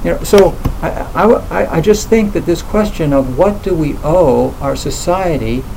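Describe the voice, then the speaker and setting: A man with a gravelly, mellow voice talks in a loose, reflective way, often pausing on fillers and starting his sentences over. Faint room ambience sits behind him. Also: a little high, expressive, slight background noise, rough recording. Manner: hesitant, many fillers and restarts. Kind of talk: reflective conversational talk.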